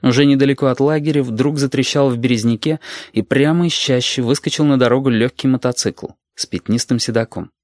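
A man reading a story aloud as the narrator, in a steady storytelling manner. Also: mid-range voice, a little fast, no echo, studio quality. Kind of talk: audiobook reading.

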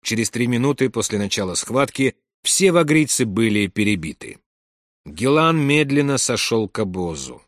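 A man's voice: mid-range voice, big pitch swings, moderate pace, no echo. Man narrating a story, dry close sound. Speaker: audiobook narrator. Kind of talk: scripted narration.

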